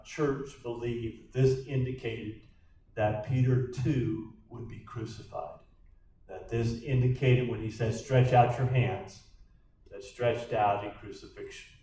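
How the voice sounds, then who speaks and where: Slow, emphatic pastor in an echoey room. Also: male voice, mid-range voice, steady tone, warm tone, recorded from a distance, slight background noise. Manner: slow, emphatic, acts out quoted lines. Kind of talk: bible study teaching. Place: church room. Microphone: distant backup recording.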